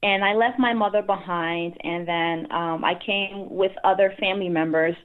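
A woman from Liberia, a guest author, answering interview questions earnestly, often pausing with ums. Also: lowish voice, steady tone, clean tone. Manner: earnest, hesitant with frequent ums. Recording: phone-like line.

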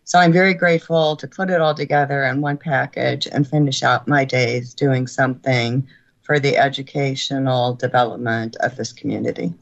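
An older woman speaking as a guest in a radio interview, earnest and grateful, with halting restarts, her voice sounding as if taped off the radio. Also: very deep voice, fairly even intonation, highs cut off. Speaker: guest author.

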